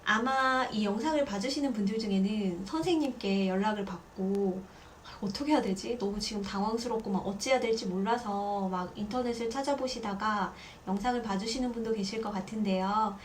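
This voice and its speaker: A woman in her thirties, a parenting vlogger, talking casually and lively to camera. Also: mid-range voice, fairly quick, a little hiss or hum. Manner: chatty, lively, acts out quoted voices.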